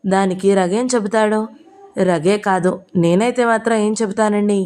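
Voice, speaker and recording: A woman's voice: medium pitch, fairly even intonation, normal speed, a little mellow, natural voice. A woman reading the part of an earnest young wife in an audio novel, in her own voice.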